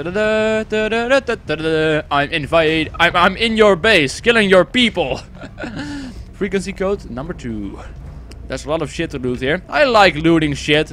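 A man's voice: a little high, fairly bright tone, a little hiss or hum. A young man from the Netherlands giving goofy, rambling let's-play commentary, swearing a lot and breaking into silly singing. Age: young adult. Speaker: gaming channel host.

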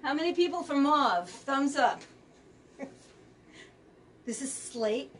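A woman with a slightly high voice hosts a casual live sale, chatting as she goes. She sits some way back from the microphone, and a faint room hiss runs underneath. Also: expressive, takes it slowly, far from the mic. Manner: chatty, reads out fabric color names. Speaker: quilt shop host.

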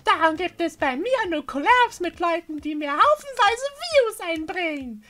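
A woman's voice: very high voice, very animated, a little slow, bright, forceful tone, heavily acted. A woman voicing a bubbly, cute young anime streamer and gym leader from a video game, with a showy, hyper manner. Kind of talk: dubbing video game dialogue.

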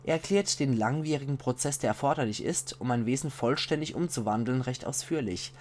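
A man with a Palatinate German accent, reading a game's book texts aloud in a measured voice and adding casual asides. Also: medium pitch. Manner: measured reading voice, slows for foreign titles. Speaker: let's play commentator.

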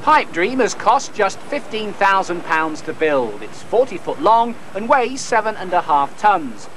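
A man narrates a light news feature and questions his subject with a playful, teasing energy. His voice swings widely and sits a little high for a man. Faint outdoor noise hangs behind him on the old tape. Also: measured pace. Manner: lively, playful, rhythmic delivery. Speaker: TV reporter.

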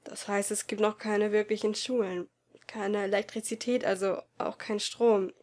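A woman voicing a caring teenage boy who is a worried best friend, in an amateur audiobook reading, speaking softly and falteringly. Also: medium pitch, steady tone, normal speed, close to an everyday voice. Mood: hesitant. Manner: soft, faltering, uncertain.

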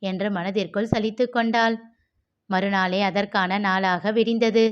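A woman narrating a novel aloud and voicing its characters, expressive in her reading. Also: medium pitch, measured pace, clean tone. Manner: expressive, switches between narration and character dialogue. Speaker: audiobook narrator. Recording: dull lo-fi recording.

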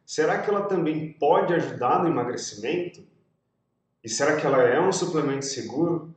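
A young Brazilian sports nutritionist talks to camera in an educational video, explaining steadily and checking in with viewers. His voice is a little high, expressive, and fairly quick. He's in a small room lit pink, and the distant mic makes it sound very echoey.

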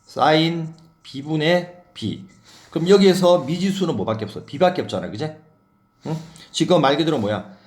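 A man's voice: fairly high pitch, expressive, a little slow, a little mellow. A man teaching a math lesson in a casual, chatty way, talking through his board work and often checking in with the listener.

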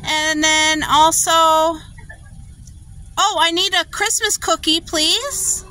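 A woman's voice: extremely high pitch, slow, pushed and bright. A woman ordering food at a drive-through from her car, polite and upbeat, with a few hesitant ums. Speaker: vlogger.

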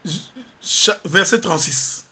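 A man with a Congolese French accent preaching a sermon, rising to animated emphasis and often asking his listeners whether they understand. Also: high voice, slow, breathy edge. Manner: asks the congregation "do you understand?".

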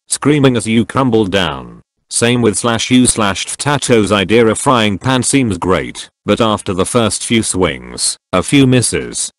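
A man narrating forum posts aloud in an even, unhurried reading delivery. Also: lowish voice, no echo. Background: faint background music.

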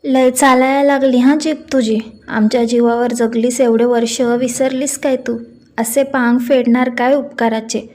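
A woman's voice: on the high side, fairly even intonation, measured pace, close to an everyday voice. A woman voicing a greedy, scolding middle-aged aunt who taunts her niece. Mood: taunting. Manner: taunting, sharp-tongued.

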